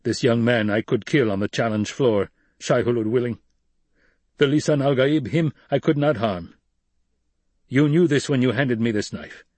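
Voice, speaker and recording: A man's voice: mid-range voice, moderate pace, a little mellow, dry recording, lightly acted. Man acting growling older desert warrior, Stilgar. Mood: grave, yielding. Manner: growling, muttering, grave.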